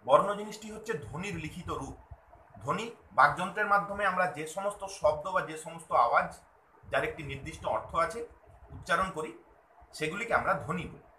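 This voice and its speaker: A man teaches a grammar lesson in a high, very bright, ringing voice. He explains patiently and goes back over each point slowly. The sound is echoey, as if from a bare room. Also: a little hiss or hum. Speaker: language teacher.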